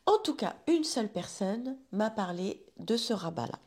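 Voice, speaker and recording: Casting: woman, knitting vlogger, conversational, rambling, self-correcting, mid pitch. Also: very animated, normal speed, darkish tone. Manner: chatty, rambling, with restarts and fillers. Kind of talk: casual chat to viewers.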